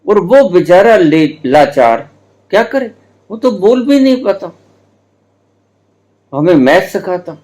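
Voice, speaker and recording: A man in his seventies giving a spiritual discourse, telling stories slowly with drawn-out words and playful teasing. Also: a little high, warm tone. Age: 70s. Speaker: spiritual teacher.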